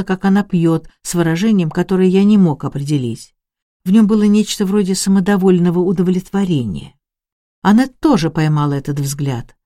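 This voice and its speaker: A reader narrates a story in a measured, mournful manner. The tone is mellow and warm, with a mid-range pitch. The sound is dry and close to the mic. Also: no room sound. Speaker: audiobook reader. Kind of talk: scripted narration.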